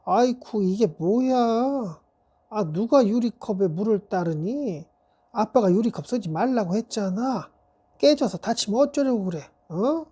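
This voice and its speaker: A woman's voice: medium pitch, lively intonation, measured pace, mellow, husky. A woman voicing a stern father who raises his voice to scold his young child.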